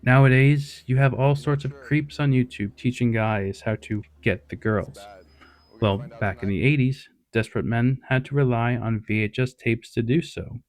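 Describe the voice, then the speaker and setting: A man's voice: medium pitch, fairly even intonation, normal speed. A man hosting a retro media review, narrating casually with wry, sarcastic asides. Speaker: host.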